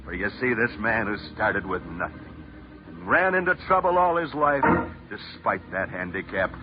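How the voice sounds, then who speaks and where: A man as a sports broadcaster, telling stories in dramatic 1940s radio newsreel narration with theatrical pitch swings. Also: lively intonation, moderate pace, very noisy. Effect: old radio newsreel broadcast. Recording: muffled old radio recording with loud music.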